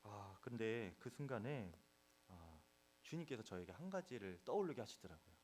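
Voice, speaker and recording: A man preaching a sermon as pastor, telling a personal story and acting out the shouted lines of the people in it. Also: on the low side, big pitch swings, moderate pace, slight background noise. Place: church sanctuary.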